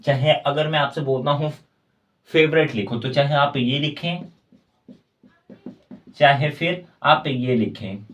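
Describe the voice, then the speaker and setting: A man giving a spoken tutorial as an English teacher, slowly spelling out words letter by letter and repeating his points. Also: fairly high pitch, a bit bright, dull audio.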